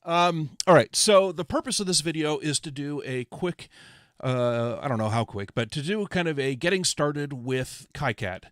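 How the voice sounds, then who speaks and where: A man hosting a casual livestream, teaching software in a rambling, chatty way with lots of fillers. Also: on the high side, lively intonation, normal speed, dry recording, clean studio sound. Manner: rambling, self-correcting, chatty with frequent fillers. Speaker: livestream host teaching electronics design software.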